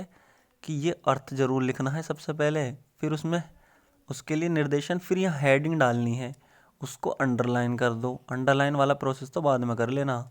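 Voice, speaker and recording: A man's voice: mid-range voice, clear, resonant tone. Chatty rustic teacher man. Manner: rustic, chatty, calls viewers brother and friend. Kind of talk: casual exam-tips lesson.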